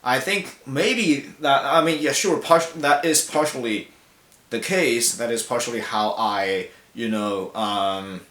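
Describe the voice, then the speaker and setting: Speaking in an echoey hall, a young Chinese man with Mandarin as his first language gives a personal talk in public. His voice is lowish and fairly bright. He comes across as reflective, pausing with fillers and often correcting himself.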